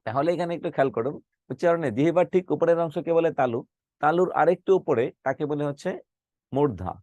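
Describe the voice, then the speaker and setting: A man's voice: a little high, lively intonation, fast, darkish tone, no room sound. A middle-aged man, a teacher, giving an online lecture on Bengali phonetics, saying letters aloud and putting questions to his students. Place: online class, live with students.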